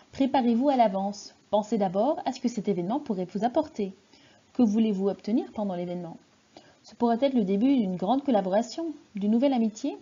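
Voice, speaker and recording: A woman's voice: a little high, mellow, slightly rough, dull audio. A woman giving a scripted presentation of advice, speaking directly to her listeners in an instructive way. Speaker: student presenter.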